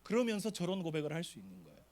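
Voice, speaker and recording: A middle-aged male pastor preaching to teenagers in a high, bright voice that leaps up and down. He tells stories with lots of energy and acts out each character. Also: rapid-fire. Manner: animated storytelling, acting out voices. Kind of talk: sermon to a youth retreat.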